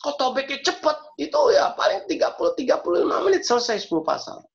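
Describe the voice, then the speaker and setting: A man's voice: extremely high pitch, sing-song, fast talker, vocal fry. A man preaching and praying as a pastor, speaking earnestly and repeating key phrases for emphasis. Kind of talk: sermon and prayer. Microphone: video call. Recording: dull lo-fi video call audio.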